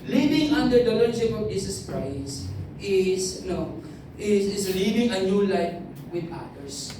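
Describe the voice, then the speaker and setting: A woman preaches in a lively storytelling way and often mimics the people in her stories. Her voice comes from a distance and rings around a large, very echoey hall. A faint hum of ambient noise sits underneath. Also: mid-range voice, slow. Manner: lively storytelling, imitates others, frequent fillers. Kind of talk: sermon mixing Tagalog and English.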